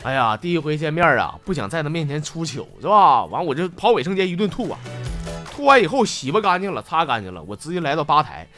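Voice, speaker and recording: A man's voice: a little high, sing-song, quick pace, fairly bright tone. A man with a Northeastern Mandarin accent, telling listener stories aloud as a teasing, slangy comic host. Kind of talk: comic storytelling. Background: background music.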